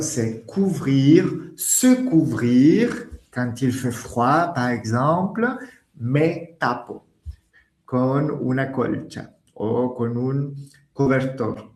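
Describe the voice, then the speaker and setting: A man teaching French in a webinar lesson, patient and repeating key words, recorded in an echoey room. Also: mid-range voice.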